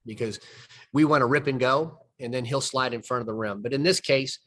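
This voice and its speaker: A basketball coach from the southern United States breaks down game film in conversation, explaining plays step by step in a folksy manner. His voice is mid-range and a bit bright, and he speaks briskly.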